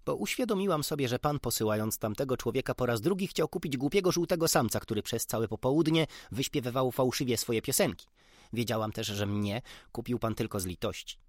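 A man voicing a proud, sharp-tongued female canary in an audiobook, speaking indignantly and briskly. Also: mid-range voice, no room sound, studio quality, close to an everyday voice. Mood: earnest. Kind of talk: audiobook character reading.

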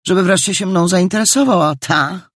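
A man reading an audiobook voices a spiteful, bossy teenage girl with a sharp, scornful delivery, in a raised voice. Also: high-pitched, moderate pace, dry recording, clean studio sound, voice pushed up.

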